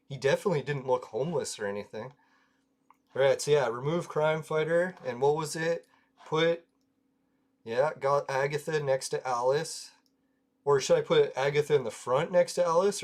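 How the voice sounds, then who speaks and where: A man's voice: mid-range voice, a little mellow. A man chatting casually over gameplay, rambling through anecdotes, laughing often and swearing freely. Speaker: gaming video creator.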